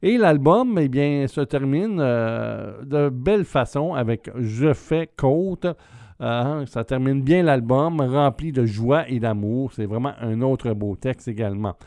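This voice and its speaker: A man hosting a radio show, presenting an album in an unhurried way with many filler pauses. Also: medium pitch, mellow, dry recording. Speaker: radio host.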